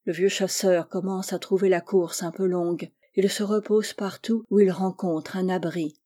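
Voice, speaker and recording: A woman voicing a stern, grieving old male chief in a storybook reading, speaking gravely. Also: on the low side, fairly even intonation, normal speed, warm tone, natural voice. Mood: solemn. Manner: solemn, grave speech.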